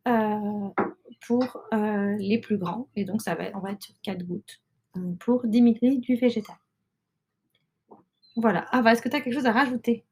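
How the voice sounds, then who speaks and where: A woman's voice: mid-range voice, a little mellow, slight background noise. Hesitant woman explaining. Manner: hesitant, many fillers and restarts. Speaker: podcast host and mother. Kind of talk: casual explanatory talk.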